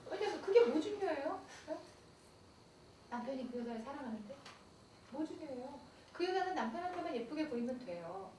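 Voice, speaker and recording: A middle-aged pastor's wife giving a playful, confiding church camp lecture on dating in a large hall. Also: female voice, high voice, very animated, fairly quick, warm tone. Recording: echoey hall, far mic, noisy.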